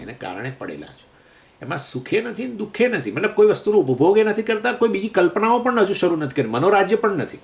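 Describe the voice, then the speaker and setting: A man's voice: medium pitch, vocal fry, a little hiss or hum. A man teaching a scripture lecture, explaining verses with everyday examples and asking and answering his own questions. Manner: chants Sanskrit verses slowly. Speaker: Vedanta teacher.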